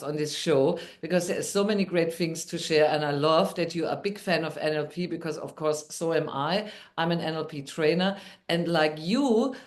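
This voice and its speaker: A woman with a German accent, a guest on a podcast, telling her story in an upbeat way. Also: low voice. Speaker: guest, midwife and NLP trainer. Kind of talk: podcast interview.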